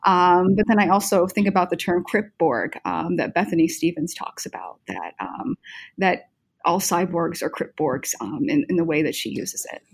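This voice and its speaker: A woman's voice: fairly low pitch, animated, normal speed, vocal fry, breathy edge. A woman on a panel explaining in an academic but conversational way, hesitantly searching for her words.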